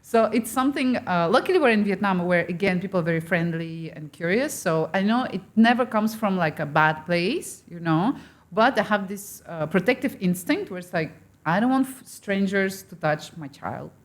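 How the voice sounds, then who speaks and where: A woman's voice: medium pitch, moderate pace. A woman from France who was born in Russia, chatting casually on a podcast as a guest, switching between languages and acting out what people said to her. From born in Russia, raised in France. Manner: animated, mixes English, Vietnamese and French, acts out quotes.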